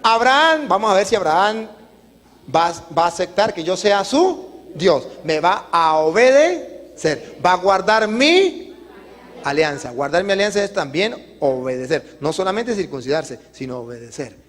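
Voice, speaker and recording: A man's voice: sits high, measured pace. A man giving a parish catechesis talk, telling the story with acted-out voices. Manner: animated storytelling, acting out voices. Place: parish retreat hall. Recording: reverberant hall.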